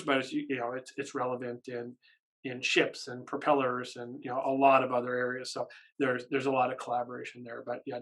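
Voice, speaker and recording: A man in his thirties, a professor answering questions informally, with an excited, caffeinated manner that comes in emphatic bursts. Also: medium pitch. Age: 30s. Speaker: university professor and research lab head. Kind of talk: informal Q&A talk about research. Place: small office, indoors.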